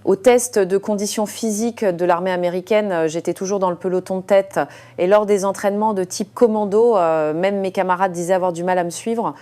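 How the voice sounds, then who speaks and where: A woman reading a first-person story aloud in a calm, scripted way, with frequent small hesitations. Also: medium pitch, fairly quick. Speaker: narrator.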